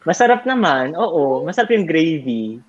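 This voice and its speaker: A man's voice: a little high, big pitch swings, moderate pace. A young man chatting casually with friends, telling rambling anecdotes full of fillers and laughs. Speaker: storyteller among college friends. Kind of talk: casual chat. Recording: dull lo-fi recording.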